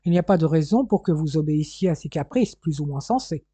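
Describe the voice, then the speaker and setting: A reader voicing a defensive young man, sharp and protective, a little nervous. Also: mid-range voice, lively intonation, fast, breathy edge, no echo.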